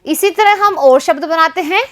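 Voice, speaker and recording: A woman's voice: very high-pitched, a bit bright. A woman teaching a primary school Hindi lesson, speaking to young pupils and stressing each syllable with care. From Rajasthan, India. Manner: addresses pupils repeatedly, stresses syllables slowly and deliberately. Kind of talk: classroom lesson for young children.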